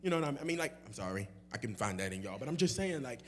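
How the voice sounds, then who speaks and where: A man's voice: medium pitch, very animated, rapid-fire. A young man, a guest singer, answering audience questions in a loose, rambling way with many fillers and laughs, in a church hall. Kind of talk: casual Q&A chat.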